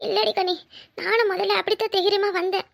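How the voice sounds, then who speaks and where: A woman's voice: extremely high pitch, level tone, brisk, gravelly, heavily acted. A woman voicing a gossipy, easily frightened village neighbour in a cartoon, who chatters and shrieks. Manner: chattering rural speech, shrieking when scared. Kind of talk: cartoon voice acting.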